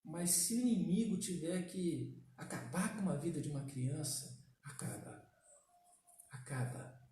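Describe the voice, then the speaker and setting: A man's voice: a little high, unhurried, dark tone, slight background noise. A man preaching a sermon as pastor, stressing points emphatically, asking rhetorical questions and often adding a questioning "right?". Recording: echoey church from far off.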